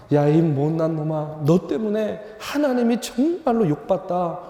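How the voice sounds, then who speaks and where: A young male pastor preaching a sermon, telling a story with lively humor in a church. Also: fairly high pitch, gravelly. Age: young adult. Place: church sanctuary. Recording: reverberant church hall.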